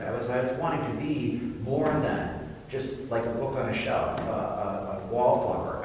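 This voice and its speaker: Earnest man in a very echoey hall. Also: mid-range voice. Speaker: drag performer on a panel. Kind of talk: panel discussion answers. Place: large reverberant room. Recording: very echoey hall, distant mic, faint noise.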